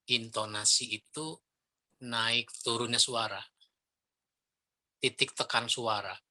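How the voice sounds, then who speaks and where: A middle-aged man lecturing on preaching technique, lively and demonstrating intonation with spoken examples. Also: fairly low pitch. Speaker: Islamic preacher trainer.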